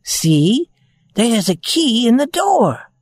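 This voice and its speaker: A man's voice: extremely high pitch, big pitch swings, slow, slightly rough, dry recording, pitched above the performer's own voice, exaggerated voice. A man voicing a kind, cheerful rag doll girl in a children's storybook reading.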